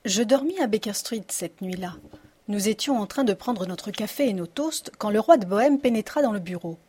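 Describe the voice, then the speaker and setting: A woman narrating a detective story audiobook in a steady storytelling manner. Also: medium pitch, normal speed, husky.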